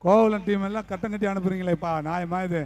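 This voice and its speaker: A man with a high voice trades playful jabs during live cricket commentary. His talk is loose and teasing and mixes in English. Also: steady tone, quick pace, darkish tone.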